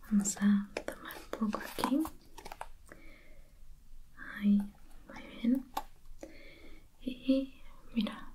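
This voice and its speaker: In a low-quality recording, a woman with a mid-range voice plays a calming facial therapist for an ASMR spa roleplay. She guides the listener gently and attentively in a soft, breathy whisper.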